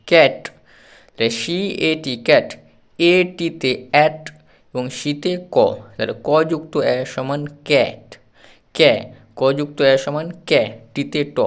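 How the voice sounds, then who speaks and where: A man teaches letter sounds slowly and patiently, breaking each word into its letters. His voice sits a little high for a man. It is the steady, careful delivery of a children's phonics lesson. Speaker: English teacher.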